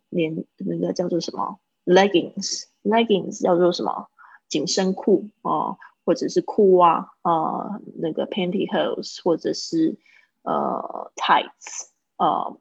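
A woman teaching a livestreamed English lesson, explaining step by step and repeating words slowly to model their pronunciation. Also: fairly low pitch, creaky, breathy edge, dry recording. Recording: dull lo-fi livestream audio.

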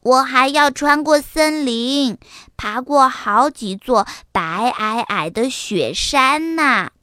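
A bold little boy fox, bursting with excitement and boasting about his adventures, as a woman puts him on. The voice runs high and swoops widely, unhurried. It sits in a dry, close storybook recording. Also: no room sound, heavily acted. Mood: eager. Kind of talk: children's storybook reading.

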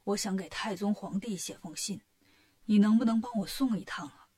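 A woman's voice: mid-range voice, normal speed, dark tone, pitched below the performer's own voice, close to an everyday voice. Tang Seng, a woman voicing a sick whispery monk. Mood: tearful. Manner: faint, breathy half-whisper. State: ill and feverish. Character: sick, weak, mournful old monk master.

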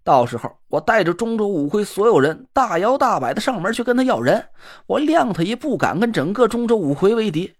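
Lively woman narrating an audiobook. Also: medium pitch, a little fast. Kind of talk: first-person serialized audiobook narration.

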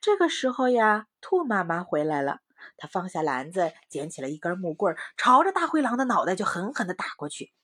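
A woman in her thirties telling a children's bedtime story in a gentle, expressive, singsong way. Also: on the low side, a little fast, husky.

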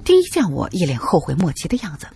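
A man's voice: on the high side, wildly swooping pitch, fast, vocal fry, warm tone, soft background music. A male narrator telling a first-person adventure story in a dramatic, colloquial way.

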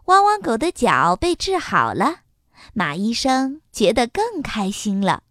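Storyteller: woman, high and lively, slow sing-song delivery for children, dry studio sound. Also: no room sound.

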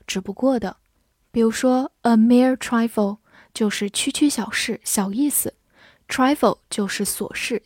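A woman teaching English words in Chinese, spelling each word out letter by letter and reading example sentences slowly. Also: fairly high pitch, darkish tone, no room sound, clean studio sound. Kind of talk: vocabulary lesson.

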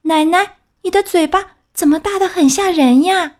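A woman's voice: high voice, lively intonation, moderate pace, a little mellow, voice pushed up. A woman voicing a sweet, trusting little girl who asks eager, innocent questions. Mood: wondering.

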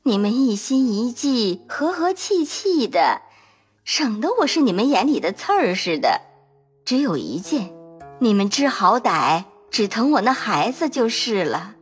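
Woman playing a weary, sharp-tongued young noblewoman. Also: on the high side, big pitch swings, measured pace, faint music behind. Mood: bitter teasing. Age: 20s. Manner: sighing, cutting, melancholy. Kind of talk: audio drama acting.

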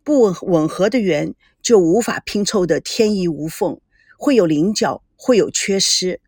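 A serene, wise young woman, as a woman narrator puts her on, speaking in measured, philosophical phrases. The tone is gentle and a little lower than the narrator's own, in a dry close recording. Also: expressive, slightly rough, dry recording, exaggerated voice.

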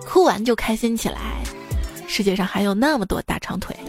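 A young woman hosts a chatty comedy joke show, delivering a humorous monologue over a music bed in a playful, teasing, theatrical way. Her mid-range voice is expressive and a little fast, with background music behind it.

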